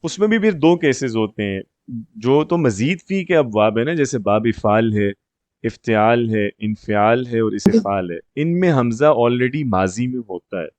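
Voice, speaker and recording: A man teaching grammar one-on-one, explaining rules step by step, slowing down on example words, and often checking that the student follows. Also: mid-range voice, lively intonation, darkish tone, no echo. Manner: slows down to spell out example words. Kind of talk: patient one-on-one grammar tutoring.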